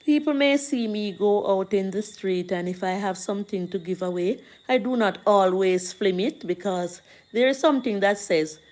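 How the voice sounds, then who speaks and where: A Jamaican host with a mid-range, slightly mellow voice runs a casual livestream, talking to viewers and reading their comments in a slow, preachy way.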